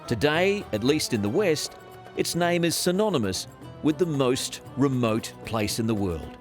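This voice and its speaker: A man's voice: mid-range voice, very animated, measured pace, faint music behind. A man reading scripted narration for a documentary.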